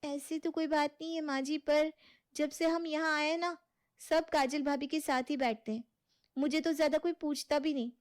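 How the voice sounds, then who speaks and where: Woman doing a sneaky sweet-talking young wife, cartoon, really high voice. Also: a little mellow. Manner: sugary, scheming. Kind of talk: cartoon story voice acting.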